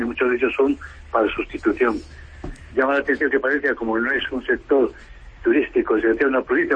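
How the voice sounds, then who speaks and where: A man, a union official, speaking in a measured, explanatory way during a radio interview, heard over a muffled phone line. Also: medium pitch, slightly rough.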